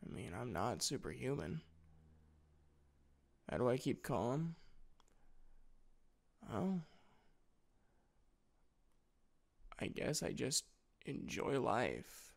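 Man playing a sleepy boyfriend, slow and creaky. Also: mid-range voice, very animated, exaggerated voice. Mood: sleepy, reflective. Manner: sleepy, drowsy, intimate, gently reassuring. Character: sleepy, tender boyfriend soothing his anxious partner at night. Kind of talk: boyfriend role-play audio.

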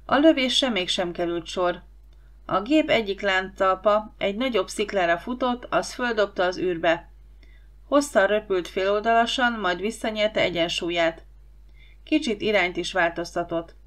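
Woman, audiobook narrator, even, measured, middle pitch. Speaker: audiobook reader.

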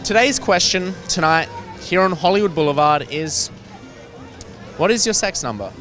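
A man's voice: high voice, expressive, normal speed, a bit bright, soft background music. Cheeky young man interviewing on the street. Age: young adult.

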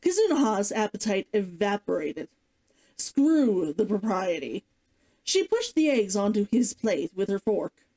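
A woman's voice: mid-range voice, big pitch swings, a little slow, warm tone, rough recording. A woman narrating a novel like an audiobook, reading expressively and dramatically as a streamer. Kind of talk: scripted storybook narration, audiobook-like.

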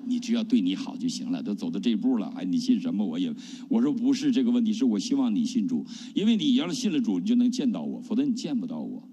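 A middle-aged man from China, a pastor giving an animated testimony sermon and often asking the congregation questions. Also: fairly low pitch, fast talker, few pauses, slightly rough. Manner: animated preaching with rhetorical questions. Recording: long hall reverb.

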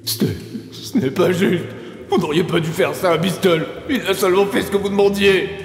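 A man voicing a frightened aging male ex-swindler wizard who pleads in a shaky, high-strung voice, heard with echo and long reverb. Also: measured pace, a little hiss or hum, natural voice. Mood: pleading. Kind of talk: audiobook character voice.

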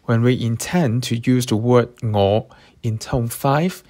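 A man with a Cantonese accent leading an online music workshop, explaining slowly and singing short melodies as examples. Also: medium pitch, dark tone. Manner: slow, careful explaining, sings short melodies. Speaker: workshop leader.

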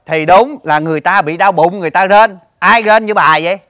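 A man's voice: sits high, a little fast, a bit bright, smooth, dry recording, studio quality. A man playing a flustered friend in a stage comedy sketch, defensive and pleading.

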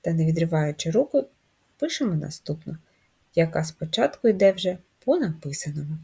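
Female first-grade teacher; lively rising and falling pitch, unhurried, slightly breathy. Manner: slow, drawn-out, sing-song teacher talk. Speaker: primary school teacher. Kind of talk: first-grade literacy lesson.

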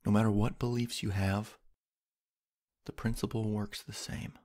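A man guiding a sleep meditation, speaking in a slow, soothing and calm way. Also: on the low side. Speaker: meditation guide.

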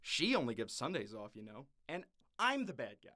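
A man voicing a fast-talking, harried male devil boss in an animated short, wisecracking and full of puns. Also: mid-range voice. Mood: wry. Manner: wisecracking, punning, exasperated.

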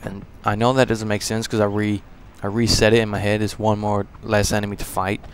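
A man giving casual, profane commentary while playing a video game, joking and talking back to enemies, moving between low mumbles and loud outbursts. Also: level tone, fairly quick, a little hiss or hum. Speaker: gamer doing a walkthrough.

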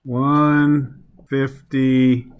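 A male chemistry teacher lecturing in a classroom. He talks slowly and leaves room between phrases, with a mid-range voice. He keeps stopping to put questions to the class as he works a problem through. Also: mid-range voice, level tone.

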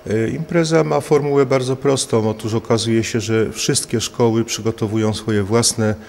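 A middle-aged man, a festival organizer, explaining the event in an interview, measured and explanatory with hesitant fillers, recorded indoors on a handheld mic. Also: medium pitch, steady tone, gravelly, a little mellow. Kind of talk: interview statement. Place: indoor hall, in front of a poster wall. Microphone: handheld mic held by a reporter. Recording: long hall reverb.

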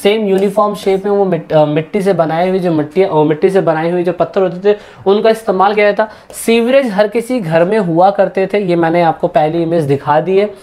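A woman's voice: fairly low pitch, fairly quick, hardly any pauses, dark tone. Chatty woman teaching history. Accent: Hindi-English mix. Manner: chatty, repeats key points, addresses students directly. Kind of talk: casual online lesson.

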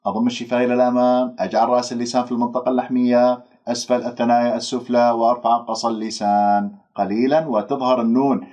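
A man teaching Quran recitation. He stretches out demonstration words slowly, then explains briskly. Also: medium pitch, flat delivery, dark tone. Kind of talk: pronunciation lesson. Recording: dull lo-fi recording.

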